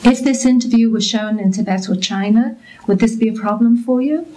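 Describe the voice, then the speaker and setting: A woman's voice: fairly high pitch, brisk, warm tone, poor audio. A woman interviewing for an oral history project, asking polite, formal questions.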